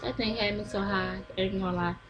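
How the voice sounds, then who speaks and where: A woman's voice: mid-range voice, fairly even intonation, fairly quick, fairly bright tone, low-quality recording. Young woman, casual vlog storyteller, home recording with noise. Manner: chatty, laughs often, talks to viewers and baby. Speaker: vlogger.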